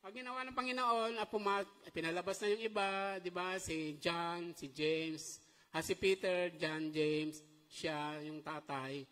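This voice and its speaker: Middle-aged male pastor, high voice, animated sermon with call-and-response, church-hall reverb. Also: a little slow.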